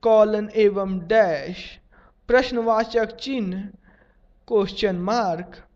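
A man reading a grammar lesson aloud in a measured, formal, dictation-like way. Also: high-pitched, a little mellow. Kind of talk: slow read-aloud textbook lesson. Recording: dull lo-fi sound.

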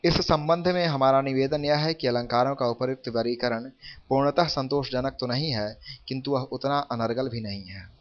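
A man reads a formal literature lesson in a steady, measured voice at a middle pitch. He slows down noticeably whenever he recites a verse example. The recording sounds dull and lo-fi. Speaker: reader of a literature textbook.

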